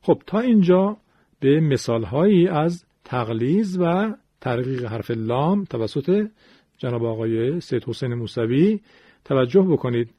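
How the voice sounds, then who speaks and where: A man teaching Quran recitation rules, explaining in a measured way and demonstrating how each sound is made. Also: medium pitch, expressive, husky, no room sound, dull audio. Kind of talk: classroom lecture on recitation rules.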